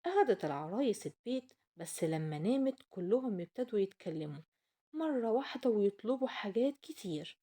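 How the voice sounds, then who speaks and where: A woman's voice: medium pitch, very animated, brisk, warm tone, breathy edge. A woman with an Egyptian accent hosting and telling stories to children in a playful way, asking them questions as she goes. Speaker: children's storyteller and host. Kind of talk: animated children's storytelling.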